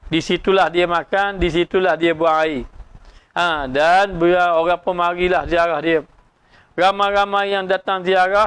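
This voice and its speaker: A Malaysian Malay man teaching religion, his slightly raised voice smooth and resonant. He talks through points with many "ha" fillers and asks rhetorical questions. The recording is close and dry. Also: sits high, fairly bright tone, dry recording. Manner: acts out dialogue in raised voice. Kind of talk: religious lecture.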